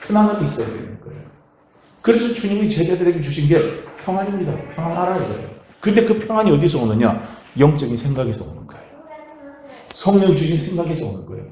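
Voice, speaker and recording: Korean pastor, male, higher voice, lively sermon delivery, strong church echo. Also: fast talker. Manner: animated preaching, swings from quiet to loud outbursts. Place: church sanctuary. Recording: echoey church hall.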